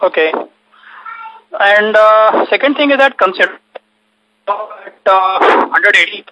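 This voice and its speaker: A man's voice: high-pitched, slow, sharp tone, no room sound. A man asking questions on a conference call, his phone audio choppy and breaking up. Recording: broken-up phone line.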